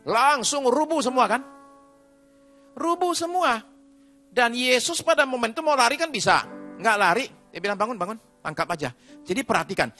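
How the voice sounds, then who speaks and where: High, lively, bright-voiced male preacher. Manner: dramatic swings between loud peaks and hushed low passages; emphatic, repeats words for effect. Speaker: preacher giving testimony. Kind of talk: sermon testimony. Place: church service before a congregation.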